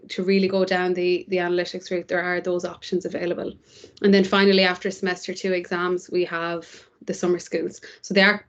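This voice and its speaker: A woman's voice: lowish voice, lo-fi sound. A woman with an Irish accent giving an informal presentation as a university programme director.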